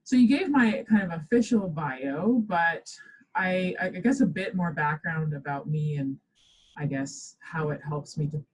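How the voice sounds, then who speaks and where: A woman from the Bahamas, a professor, speaking thoughtfully as a podcast guest, measured and full of ums. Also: low-pitched, darkish tone, low-quality recording. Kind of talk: podcast interview.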